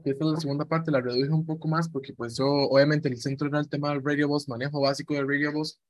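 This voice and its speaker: A man's voice: a little high, level tone, quick pace, dry recording. Chatty man teaching radio presenting. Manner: chatty, repeats himself, demonstrates voices. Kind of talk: informal online lesson.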